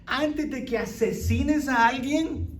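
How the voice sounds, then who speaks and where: A man leading an interactive sermon as pastor, animated, quizzing his listeners and dropping English phrases. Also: extremely high pitch, slow, reverberant, far from the mic, a little hiss or hum. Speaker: pastor leading a Bible study.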